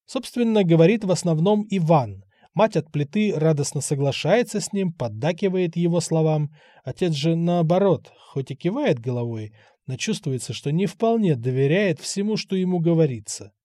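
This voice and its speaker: A man narrating a novel in a measured, unhurried storytelling manner. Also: fairly high pitch, animated, mellow, no room sound, studio quality. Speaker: audiobook narrator. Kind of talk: novel reading.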